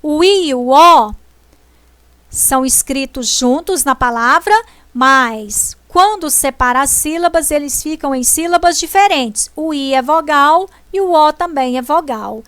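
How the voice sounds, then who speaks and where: A woman teacher, explaining a grammar lesson slowly and deliberately, stressing syllables as she goes. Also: high voice, expressive, fairly bright tone, no room sound. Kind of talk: slow classroom explanation.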